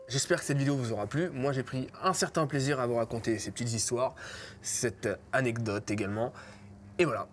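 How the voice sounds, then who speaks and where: A man in his thirties telling a personal story to camera in a casual, animated way, acting out bits of dialogue and poking fun at himself. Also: mid-range voice. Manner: animated, acts out dialogue, self-mocking. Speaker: YouTuber. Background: loud background music.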